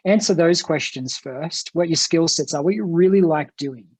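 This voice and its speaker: A man's voice: on the high side, normal speed, husky, no room sound. Earnest man talking on a dry video call. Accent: non-American English. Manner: earnest, enthusiastic, repeats words as he restarts. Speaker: franchise company executive, guest. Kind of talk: conversational interview answers.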